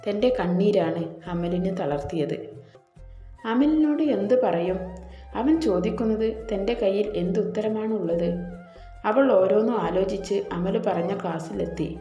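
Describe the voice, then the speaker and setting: A woman narrating a story in a gentle, even voice, reading the characters' lines without changing her voice. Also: mid-range voice, a little slow. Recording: echoey room, soft background music.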